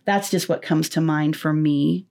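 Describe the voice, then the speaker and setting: A woman who leads camp staff, a guest on a podcast, explaining things in a warm way. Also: low-pitched, fairly even intonation, unhurried. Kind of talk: podcast conversation.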